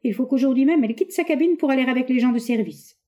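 A woman's voice: sits high, fast talker, highs cut off, pitched above the performer's own voice, natural voice. A woman reading aloud voices a jealous, impulsive young woman in a storybook, pleading and accusing through tears. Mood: jealous resolve.

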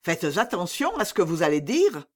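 A woman's voice: on the low side, very animated, normal speed. Woman voicing an evasive young courtier. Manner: feigned naive, deferential, evasive. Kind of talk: audiobook character reading.

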